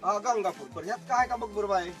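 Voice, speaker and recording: Joking high-voiced magician man. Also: expressive, fast, over music. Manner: joking showman who keeps calling for loud applause. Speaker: magician performing for a tour group. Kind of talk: lively stage patter with crowd banter. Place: outdoors at an agro-tourism farm.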